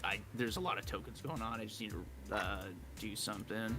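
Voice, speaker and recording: A man narrating as game master of an online tabletop game, slow and halting, with many fillers. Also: fairly low pitch, over music.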